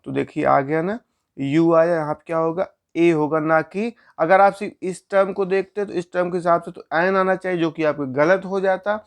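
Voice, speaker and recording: A man's voice: fairly high pitch, fairly even intonation, moderate pace. A man teaching a grammar lesson, explaining step by step and asking questions he answers himself.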